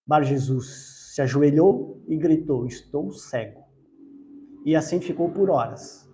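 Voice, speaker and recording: A man telling a religious story in a spiritist study talk, unhurried, with occasional self-corrections. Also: fairly high pitch, dark tone, a little hiss or hum.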